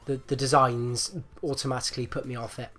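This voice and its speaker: A man's voice: medium pitch, little pitch movement, brisk, a bit bright, soft background music. Phlegmy man with a chesty rattle. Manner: hesitant, rambling, repeats himself. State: phlegmy, getting over flu. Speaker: gaming video host. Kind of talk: casual gameplay commentary.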